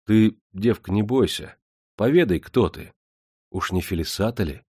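A gruff but kindhearted young miner, voiced by a male narrator speaks in plain old peasant speech from this audiobook tale. The voice is very deep and close, with a dry, dead recording. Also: moderate pace, a little mellow, dry recording. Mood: gentle.

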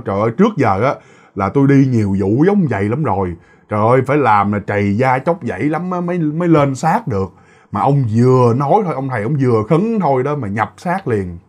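A man's voice: mid-range voice, a little mellow. A man voicing a scheming male spirit medium, talking earnestly and persuasively.

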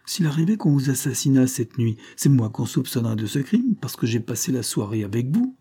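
A man's voice: mid-range voice, sing-song, a little fast, mellow, slightly rough. A man reading a curious police agent. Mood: startled. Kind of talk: audiobook reading of a novel.

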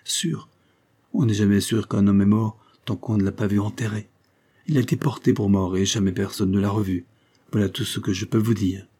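A man's voice: lowish voice, fairly even intonation, normal speed, mellow, slightly rough. A man reading the part of an uneasy, kindly middle-aged businessman who is hesitant and easily alarmed.

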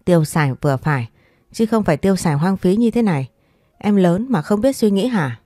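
A woman's voice: on the low side, expressive, a little fast, dry recording, clean studio sound. A woman voicing an angry young husband who scolds his wife. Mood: scolding. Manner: shouting, scolding.

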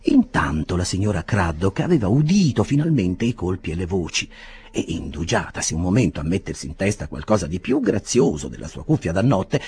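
A man reading a classic novel aloud as an expressive, dramatic narrator. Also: sits low. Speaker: audiobook reader. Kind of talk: audiobook narration.

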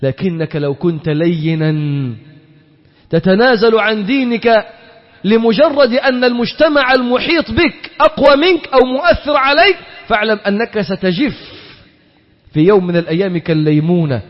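A high-voiced Egyptian man preaching a sermon, his pitch leaping up and down as he throws questions at the crowd and acts out exchanges. The sound is dull and lo-fi, with a long hall reverb behind every line. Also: normal speed. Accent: Egyptian Arabic. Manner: animated, rhetorical questions, acts out dialogues.

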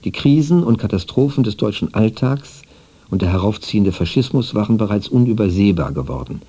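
A man reads a scripted radio documentary in a formal, even, literary manner. His voice sits low and sounds dark and slightly husky. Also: fairly quick. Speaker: narrator. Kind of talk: scripted radio feature narration.

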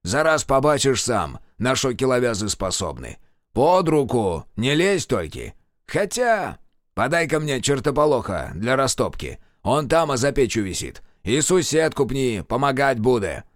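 A man voicing a fierce, scornful old village sorcerer who speaks bluntly in rough rustic speech and swears. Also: mid-range voice, sing-song, measured pace, no echo, studio quality. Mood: gruff.

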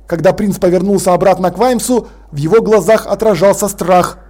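High-voiced male audiobook narrator. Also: brisk, a little mellow.

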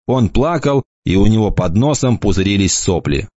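A man reading an audiobook in a lively storytelling manner. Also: fairly low pitch, normal speed, no echo. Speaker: audiobook narrator. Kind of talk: scripted narration. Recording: dull lo-fi dry recording.

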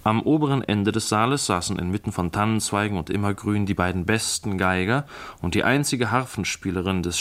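A man reading a classic novel aloud as narrator, in a measured, clear storytelling manner. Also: on the low side. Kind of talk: scripted literary reading.

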